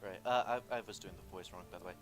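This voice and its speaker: Male game master, bright sharp voice, stumbling casual narration over soft music. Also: deep voice, low-quality recording. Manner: halting, many fillers and restarts.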